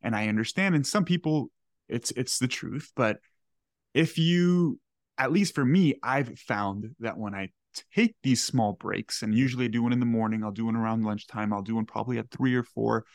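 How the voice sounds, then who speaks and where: A man's voice: medium pitch, moderate pace, no room sound, studio quality. A man in his twenties hosting a podcast from his home kitchen, eager and earnest, often repeating words. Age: 20s. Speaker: podcast host. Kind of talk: podcast interview.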